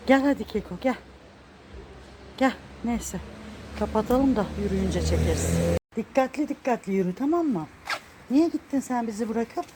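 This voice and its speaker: A woman's voice: mid-range voice, a little mellow. Woman coaxing her cat on a noisy street. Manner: coaxing, scolding a pet fondly. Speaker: cat owner filming her found cat. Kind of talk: casual walking vlog. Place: outdoors on neighborhood streets. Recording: noisy outdoor street recording.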